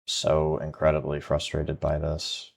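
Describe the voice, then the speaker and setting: A man's voice: very deep voice, completely flat delivery, a little slow, gravelly. A tired man talking to himself while trading live, frustrated and muttering. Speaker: day trader.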